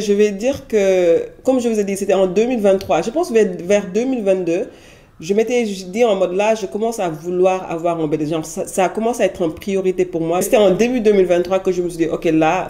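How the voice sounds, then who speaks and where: Animated woman with a mellow voice. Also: mid-range voice, brisk. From Senegal. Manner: animated, switching between French and English. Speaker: vlogger. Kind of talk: casual storytelling vlog.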